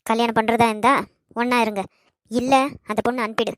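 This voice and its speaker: A woman voicing a scolding older mother-in-law in an animated family drama, with a Kanyakumari Tamil accent. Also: on the high side, brisk, no echo, close to an everyday voice. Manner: scolding, contemptuous. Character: scornful older mother-in-law, sharp-tongued.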